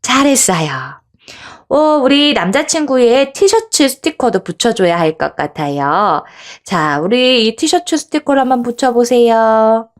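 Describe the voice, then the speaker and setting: A woman teaching preschoolers at Bible school in a coaxing, sing-song way. She asks the children questions and slows down so they can repeat phrases after her. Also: a little high, sing-song. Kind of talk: demonstration lesson for preschoolers.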